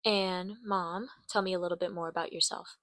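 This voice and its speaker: A woman's voice: lowish voice, steady tone, moderate pace, a bit bright, no echo. A young woman hosting a podcast, interviewing her parents with upbeat, conversational questions. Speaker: podcast host.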